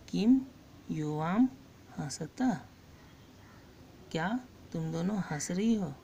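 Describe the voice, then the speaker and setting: Woman teacher, low and gravelly, reads and explains each phrase very slowly. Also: darkish tone, slight background noise. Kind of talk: slow line-by-line Sanskrit lesson with Hindi translation.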